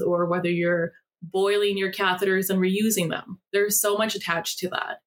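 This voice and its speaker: A woman's voice: on the low side, a bit bright. A woman telling a personal story in a candid, reflective conversation, with many fillers and the odd laugh. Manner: reflective, frequent fillers, laughs while talking. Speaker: podcast guest, spouse of an injured partner.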